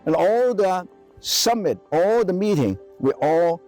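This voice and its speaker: A man's voice: high-pitched, lively intonation, takes it slowly, a little mellow, faint music behind. An older man from Guangzhou with a Cantonese accent, presenting a documentary to camera in enthusiastic, emphatic English with broken phrasing. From Guangzhou, China. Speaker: chef and presenter.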